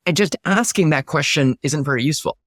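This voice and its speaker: This startup founder, a guest in an interview, has a somewhat high-pitched, fairly bright voice and talks a little fast. He's emphatic and instructive, acting out sample questions to make his points, and the sound is very dry with no room echo.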